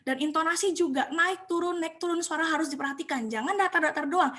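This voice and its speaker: A young woman presenting a webinar, giving casual tips in a chatty, encouraging way with frequent filler pauses, over a computer mic. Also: very high-pitched, fairly bright tone.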